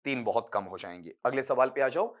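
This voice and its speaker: A man teaching English phonetics for an exam. He explains step by step, addresses students fondly, and stretches words out slowly to show their sounds. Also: medium pitch, lively intonation. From India. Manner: patient, explains step by step, calls students "beta". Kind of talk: exam-prep lecture.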